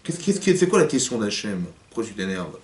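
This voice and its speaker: Fast-talking rabbi in an echoey hall. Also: male voice, fairly low pitch. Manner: animated, acts out little scenes, questions the audience. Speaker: rabbi teaching a class. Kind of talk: lively interactive Torah lesson. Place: community hall. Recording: echoey room, mic at a distance.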